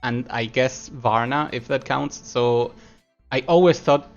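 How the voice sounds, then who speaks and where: This esports caster is from Argentina and grew up speaking Spanish, and his voice sits at a middle pitch. He talks slowly and casually, laughing a lot and switching between game analysis and replies to chat. Under the slightly muffled stream audio, quiet music plays.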